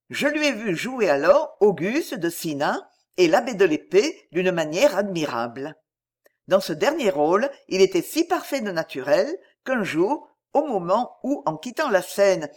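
Woman audiobook reader, lively intonation, measured literary delivery. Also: mid-range voice. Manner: measured, expressive literary reading. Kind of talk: scripted narration of a memoir.

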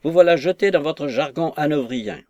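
A man's voice: fairly high pitch, lively intonation, normal speed, a little mellow, dry recording, lightly acted. A man voicing a blunt, stubborn country squire who talks in a grudging, plain way.

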